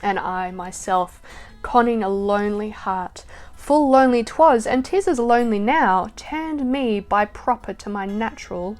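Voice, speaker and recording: A woman reads poetry aloud in a soft, unhurried voice of middling pitch. Her voice often drops away at the close of a line. Faint acoustic guitar plays quietly behind her. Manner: slow, soft reading that trails off at line ends. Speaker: poetry reader. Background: soft acoustic guitar music.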